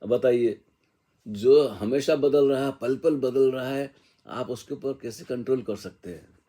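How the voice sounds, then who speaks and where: A man giving an unhurried, reflective spiritual discourse, musing with casual asides and slowly reciting couplets. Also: medium pitch, mellow. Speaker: spiritual teacher.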